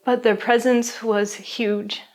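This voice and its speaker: A middle-aged woman giving documentary interview testimony as a bereaved mother, speaking softly and reflectively with halting pauses. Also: on the high side, flat delivery. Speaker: bereaved mother telling her story.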